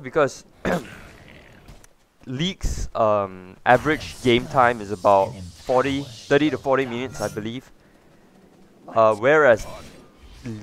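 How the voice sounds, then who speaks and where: A man hosting a casual gaming video, chatting loosely with lots of fillers and restarts. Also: mid-range voice. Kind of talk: casual gameplay commentary.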